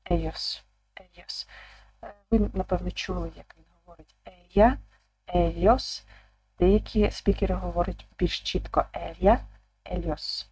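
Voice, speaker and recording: A woman teacher explaining an online language lesson calmly, repeating each word aloud. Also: on the low side, low-quality recording. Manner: calm, slow, repeats words aloud.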